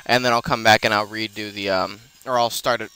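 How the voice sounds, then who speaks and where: A man's voice: fairly low pitch, steady tone, a little fast, sharp tone, clear, resonant tone. A man casually commenting while he plays a video game, rambling with many fillers and self-corrections as he explains what he is doing. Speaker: let's play host.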